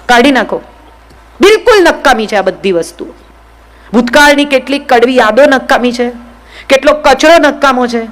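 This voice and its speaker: A woman's voice: sits high, expressive, moderate pace, low-quality recording. Woman giving a motivational talk. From Gujarat, India. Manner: direct, questioning the audience, folksy examples. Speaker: motivational speaker. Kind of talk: public motivational speech to an audience.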